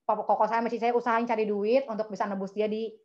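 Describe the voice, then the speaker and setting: A woman's voice: a little high, level tone, fast, darkish tone, lo-fi sound. A woman giving a personal testimony at a prayer meeting, chatty and emphatic, often turning to address her listeners.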